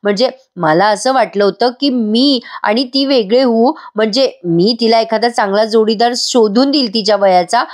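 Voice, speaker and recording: A woman's voice: on the high side, moderate pace, hardly any pauses, close to an everyday voice. A woman reading the lines of a worried male teacher who feels guilty and defensive, in her own storytelling voice. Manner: read out plainly in a storytelling voice.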